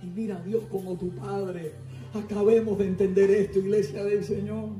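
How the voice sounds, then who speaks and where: Fervent preaching man with shouting bursts. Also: high-pitched, level tone, normal speed, reverberant, recorded from a distance, soft background music, low-quality recording. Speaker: pastor. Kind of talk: sermon.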